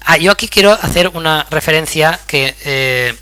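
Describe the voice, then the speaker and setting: A man's voice: a little high, moderate pace, bright, forceful tone, clear, resonant tone, no echo. A middle-aged man giving a public lecture, telling personal anecdotes in a conversational way and often checking in with the audience. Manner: conversational storytelling, frequent "¿vale?" check-ins.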